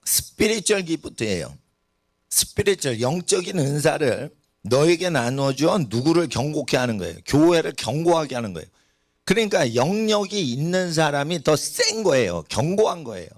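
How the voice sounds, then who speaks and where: A man's voice: on the high side, very animated, moderate pace, no echo, studio quality. A man preaching a sermon in a church, asking the congregation rhetorical questions. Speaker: pastor. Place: church sanctuary.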